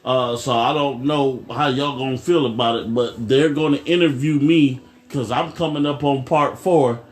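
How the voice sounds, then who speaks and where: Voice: medium pitch, steady tone, normal speed. A podcast co-host who cuts in with playful, teasing remarks. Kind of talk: casual podcast discussion.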